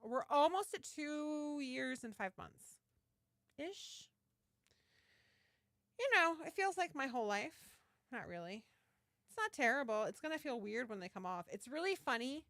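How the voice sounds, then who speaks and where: A woman's voice: sits high, lively intonation, unhurried, pauses often, fairly bright tone, no echo, studio quality. A woman hosting a casual live stream, chatting enthusiastically and reading out viewer comments. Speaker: livestream host, yarn dyer. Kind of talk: casual livestream chat.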